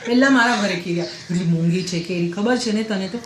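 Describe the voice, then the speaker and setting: A woman's voice: mid-range voice, fairly quick, natural voice. A woman playing a gossipy middle-aged housewife who complains about her in-laws, talking breathlessly and repeating herself. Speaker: comedian. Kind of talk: comic character monologue. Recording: roomy echoey recording, faint noise.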